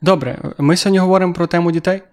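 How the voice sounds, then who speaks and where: A man's voice: high voice, fairly even intonation, rapid-fire. A young man with a Ukrainian accent co-hosting a casual podcast chat, joking and self-deprecating. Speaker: podcast co-host.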